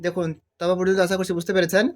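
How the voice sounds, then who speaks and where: A man teaching a devotional song on harmonium, explaining the notes step by step and singing drawn-out phrases. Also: high-pitched, completely flat delivery, soft background music. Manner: explains slowly, then sings drawn-out phrases. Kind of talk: step-by-step music tutorial. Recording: harmonium loud under the voice.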